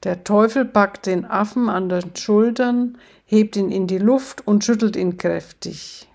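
Slow, gravelly woman telling jokes. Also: mid-range voice, darkish tone. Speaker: joke teller. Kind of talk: comic storytelling.

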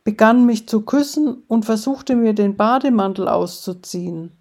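A woman voicing a bewildered man retelling a strange morning at a bar, a bit louder than her narration. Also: on the high side, normal speed. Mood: puzzled.

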